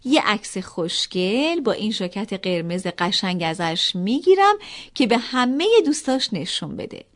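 A woman's voice: mid-range voice, big pitch swings, a bit bright. A woman doing a coaxing male photographer. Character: fussy excitable male photographer, adult.

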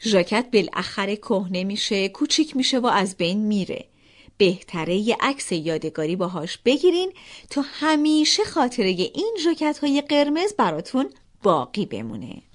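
A woman voicing a gentle, patient mother of two little girls in a children's story. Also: mid-range voice, big pitch swings.

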